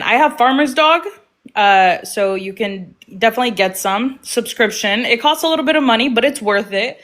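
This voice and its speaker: A woman's voice: medium pitch, a bit bright. Dismissive, sarcastic woman. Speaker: livestream debate panelist. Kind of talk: heated live-stream argument.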